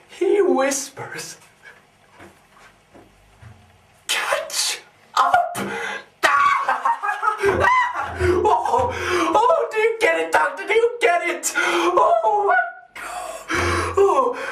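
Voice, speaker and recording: An actor playing a deranged, gleeful, sadistic clown supervillain in a theatrical monologue, mocking and erratic, recorded with a roomy echo. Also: male voice, very high voice, distant mic, heavily acted. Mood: sinister storytelling, then gleeful, delirious. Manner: theatrical, mocking, erratic swings between whispering and shouting.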